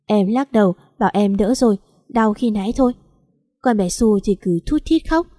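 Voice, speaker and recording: A woman narrates a story in the first person at a calm, even pace. Her voice is warm and mellow. The recording is dry and close. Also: mid-range voice, normal speed, dry recording.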